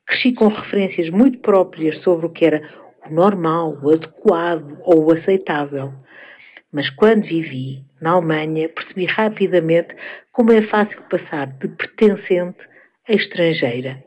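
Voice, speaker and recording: A woman with a European Portuguese accent, giving a measured, thoughtful spoken essay with frequent pauses. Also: deep voice, darkish tone, breathy edge, dull audio.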